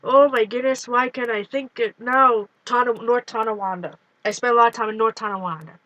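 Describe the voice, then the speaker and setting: She talks a little fast, her voice on the high side and a bit bright, and the audio is dull with no room sound. The speaker, a woman whose Canadian accent leans toward Minnesota, chats in a wandering way while browsing her art journals from her couch at home.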